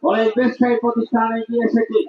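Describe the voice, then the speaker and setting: A man's voice: extremely high pitch, monotone, quick pace, distant mic. A man with a Bangladeshi accent making formal announcements at a sports tournament. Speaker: event announcer and commentator. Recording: echoey, dull public address sound.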